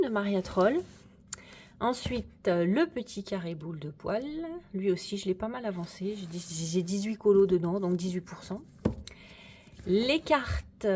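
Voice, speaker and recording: A woman's voice: lowish voice, darkish tone. A woman chatting casually through a tour of her coloring corner, hesitant and friendly. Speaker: coloring hobby vlogger. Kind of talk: casual room tour chat.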